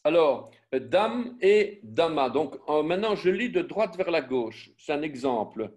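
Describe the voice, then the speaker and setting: A man, slightly high in pitch, teaching an online Biblical Hebrew class. He speaks very slowly, spelling sounds out letter by letter. He breaks off with fillers and corrects himself as he goes. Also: very animated, darkish tone. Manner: slow, spells out syllables and letters one by one; self-correcting, with frequent fillers and restarts. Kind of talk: online class with screen sharing.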